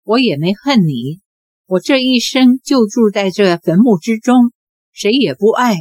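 A woman's voice: a little high, animated, a little slow, darkish tone, breathy edge, no room sound. A woman voicing a cold, aloof, sheltered young woman of eighteen in an audiobook, with a cool, curt, dismissive manner. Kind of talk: audiobook character voice.

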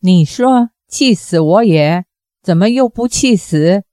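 A woman voicing a brash, quarrelsome male martial-arts brother who bickers bluntly in a slow, mellow storybook reading. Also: mid-range voice, expressive, no room sound, studio quality. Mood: bickering.

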